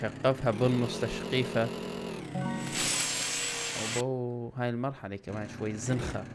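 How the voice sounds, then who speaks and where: A man in his twenties with a Levantine Arabic accent, doing excitable let's-play commentary for his channel, swinging between loud outbursts and low muttering. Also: moderate pace. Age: 20s. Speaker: gaming YouTuber. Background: loud game music.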